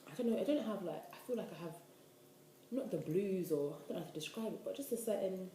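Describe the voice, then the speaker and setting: Quick and chatty, a woman in her twenties rambles through a talking-head vlog full of "like." Her medium-pitched, mellow voice has lively intonation, and the echoey room carries slight background noise.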